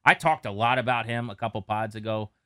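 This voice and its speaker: Low-voiced man co-hosting a podcast. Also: fairly quick, dry recording, clean studio sound. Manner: relaxed, chatty, reads stats. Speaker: podcast co-host. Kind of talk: casual sports podcast chat.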